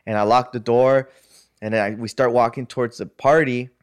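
A man's voice: medium pitch, steady tone, moderate pace, smooth. A young man telling a story in casual chat, loose and slangy, with lots of fillers and cursing.

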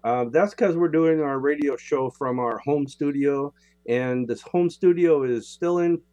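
A man's voice: on the high side, measured pace, dark tone. An older man co-hosting a casual radio show, with a tinny, boxy sound from a home studio. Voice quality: tinny, distant barrel-like sound.

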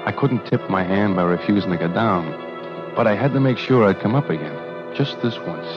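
A man's voice: fairly low pitch, a little fast, lightly acted. A man playing a grim, wary carnival showman who narrates his own story in tense, clipped, hard-boiled lines, in an old radio drama. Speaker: narrator and lead character. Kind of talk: 1940s radio acting. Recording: dull lo-fi old radio recording with music.

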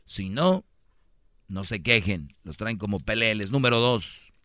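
A man's voice: on the low side, animated, measured pace, bright, forceful tone, dry recording, studio quality. A man with a Mexican Spanish accent hosting a comedic advice talk show, lecturing, joking and mimicking other people's voices. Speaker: radio show host.

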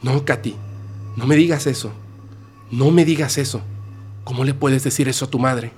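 A man's voice: mid-range voice, normal speed, darkish tone, soft background music, pitched above the performer's own voice, close to an everyday voice. A man voicing the angry, pleading ghost of a middle-aged mother in a spoken horror story. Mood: pleading, upset. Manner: upset, pleading.

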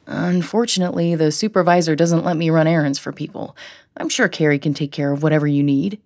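A woman's voice: sits low, a little mellow. A woman doing an easygoing male care worker. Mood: reassuring. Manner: easygoing, reassuring, brisk.

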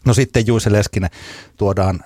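A man co-hosting a podcast, casually telling a long anecdote in a relaxed storytelling way. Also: on the low side, no echo, clean studio sound. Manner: relaxed storyteller, laughs at his own tale. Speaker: podcast co-host.

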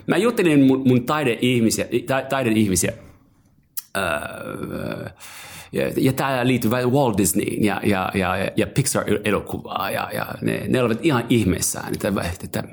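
A man's voice: on the low side, lively intonation, vocal fry. A male host who speaks hesitantly in casual chat and often repeats words.

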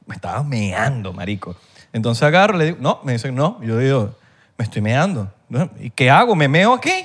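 A man with a Venezuelan accent chatting casually as a podcast co-host, telling slangy stories and acting out other people's voices. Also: medium pitch. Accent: Venezuelan Spanish. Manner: animated storyteller who acts out other people's voices; slangy, swears freely. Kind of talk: casual chat.

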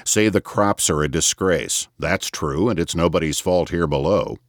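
A man's voice: sits low, normal speed, dry recording, clean studio sound. A man voicing a sudden, ferocious older man who speaks bluntly, in an audiobook reading.

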